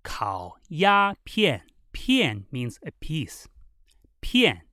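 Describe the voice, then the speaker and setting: A teacher reading a vocabulary lesson, saying each word clearly and repeating it twice. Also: medium pitch, wildly swooping pitch, extremely slow, sharp tone, dry recording, clean studio sound. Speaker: Mandarin teacher. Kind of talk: slow bilingual vocabulary lesson.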